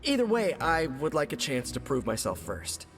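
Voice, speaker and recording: A man's voice: fairly high pitch, very animated, moderate pace, a bit bright, long reverb tail, faint music behind. An actor playing an eager, joking young male spider hero in a video game. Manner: playful, eager to please.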